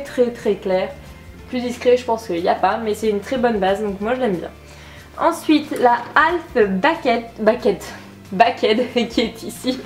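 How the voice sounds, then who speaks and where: A woman's voice: on the high side, a little mellow. A woman casually reviewing a makeup palette, chatty and enthusiastic with a self-deprecating streak. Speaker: beauty vlogger. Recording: echoey room with faint music.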